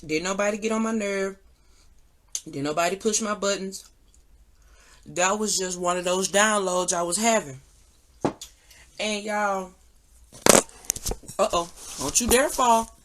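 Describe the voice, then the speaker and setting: A woman with a mid-range voice talks a little slowly, with long pauses, on a noisy recording with clicks. She hosts an online tarot and energy reading channel, chatting to viewers candidly and emphatically in slang, repeating phrases for effect, with a phone or similar device propped nearby.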